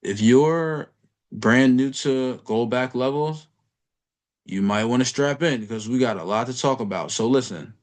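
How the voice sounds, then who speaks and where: A man's voice: mid-range voice, a little slow. Blunt, profane man teaching trading. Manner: blunt, profane, streetwise slang, addresses viewer as bro. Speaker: trading educator. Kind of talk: casual screen-share trading lesson.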